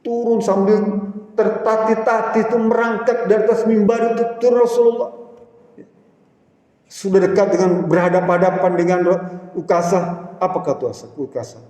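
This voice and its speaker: High-voiced preacher in an echoey hall. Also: male voice, moderate pace, a little mellow. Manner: dramatic storytelling with repeated "ya". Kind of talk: storytelling sermon. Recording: echoey hall with long reverb.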